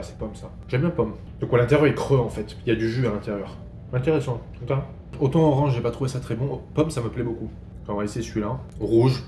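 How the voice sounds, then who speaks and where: A Frenchman taste-tests snacks for a casual food vlog, chatting, swearing offhand and thinking aloud as he eats. His mid-range voice has a dark tone, with a little hiss or hum, roomy echo and faint background ambience.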